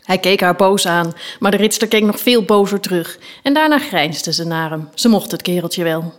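A woman, the author of a children's book, reading a story from it aloud in a lively storytelling manner. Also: on the low side, normal speed.

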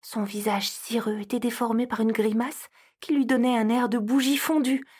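A woman giving expressive scripted narration for an audio story. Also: on the high side, normal speed, breathy edge.

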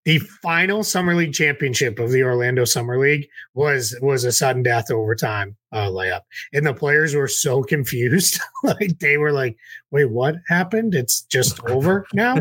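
A man's voice: medium pitch, moderate pace, few pauses, fairly bright tone, no room sound. A man from Massachusetts co-hosting a podcast, chatting casually about basketball from his home office, rambling with lots of fillers and laughs. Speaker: podcast co-host. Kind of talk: casual sports chat.

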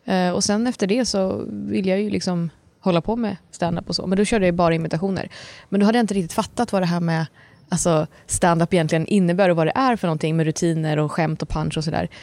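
A woman's voice: lowish voice, few pauses, no room sound. Chatty woman comedian, dry close mic. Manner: lively storytelling with frequent fillers and laughs. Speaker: guest comedian. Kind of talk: casual podcast chat.

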